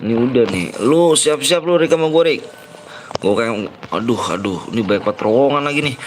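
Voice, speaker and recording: A man's voice: medium pitch, animated, fairly quick, background noise. A young man, giving rowdy, slang-heavy commentary on a live game stream and trash-talking his opponents.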